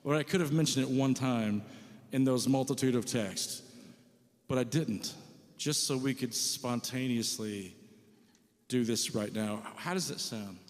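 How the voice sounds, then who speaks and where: Between songs at a church service, a musician with a medium-pitched, slightly slow voice chats and jokes in a rambling, self-deprecating way. It's casual stage banter and singing with guitar, recorded live with long reverb.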